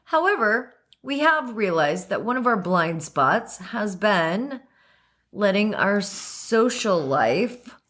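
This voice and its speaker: Hoarse woman, podcast co-host, animated pitch, gushing casual chat. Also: slow pace. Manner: lively and gushing.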